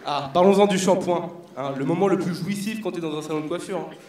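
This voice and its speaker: A man's voice: fairly high pitch, quick pace, a little mellow, reverberant. A young man doing a brash, slangy stand-up comedy routine on stage, talking straight to a live audience. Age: young adult. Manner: brash, slangy, crowd-addressing.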